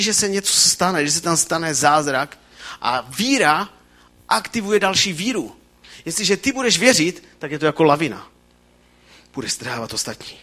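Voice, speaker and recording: A man preaching a sermon in a fervent, animated way, often pausing with fillers and restarting his phrases. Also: fairly high pitch.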